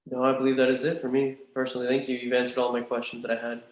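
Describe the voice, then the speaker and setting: A man's voice: medium pitch, monotone, racing. Young man in a big echoey room. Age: 20s. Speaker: student in a practice job interview. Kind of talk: earnest, formal interview answers. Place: room in a large house. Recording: big echo of a large home room.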